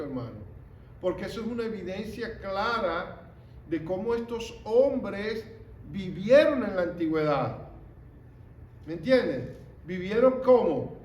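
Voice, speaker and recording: A man with a fairly high voice teaches a Bible lesson at an unhurried pace. He explains each point slowly and keeps checking in with his listeners through rhetorical questions. The room gives his voice a noticeable echo. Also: darkish tone, slight background noise.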